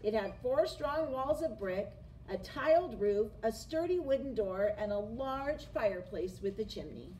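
A woman's voice: on the high side, lively intonation, measured pace, hardly any pauses, dark tone, rough recording. A middle-aged woman reading a picture book expressively to children in a classroom. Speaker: storyteller, teacher. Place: small classroom, indoors. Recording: clear background room noise.

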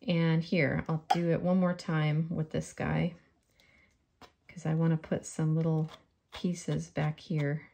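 A woman's voice: low voice, little pitch movement, takes it slowly, vocal fry, warm tone. A woman with a faint New York accent giving a friendly step-by-step polymer clay crafting tutorial.

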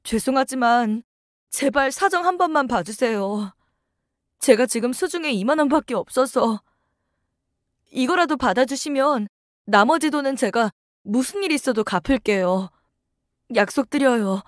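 A woman's voice: high-pitched, animated, moderate pace, no echo, studio quality. A woman voicing a poor woman patient who apologizes and begs for mercy. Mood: pleading. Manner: pleading, apologetic, soft.

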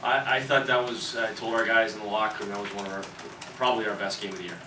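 Speaking at a quick pace, this thirtysomething college hockey coach is earnest at his postgame presser, often repeating words as he restarts a sentence. The table mic sits at camera distance, so his steady, low voice comes across echoey and far off over heavy background noise.

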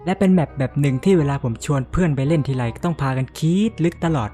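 A man's voice: fairly high pitch, fast, mellow, faint music behind. A man giving casual let's-play commentary as a gaming YouTuber, joking around, swearing often and yelping in panic at scares.

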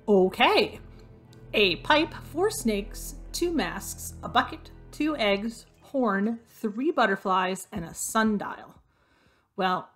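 A woman of middle pitch talks her way through a hidden-object game, listing items and making wry, self-mocking asides. Her voice sounds a little hoarse and worn, as if it is fading. Soft game music plays faintly behind her. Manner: chatty, self-deprecating, thinks aloud while searching. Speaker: gaming video host. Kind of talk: casual gameplay commentary.

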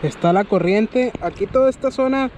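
A young man with a Mexican Spanish accent giving casual fishing vlog commentary from a kayak on a river, recorded on a head-mounted camera and getting excited at each catch. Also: high-pitched, moderate pace. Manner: excited, laughing and shouting at catches. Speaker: fishing vlogger. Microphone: head-mounted action camera. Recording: outdoor recording with clear background noise.

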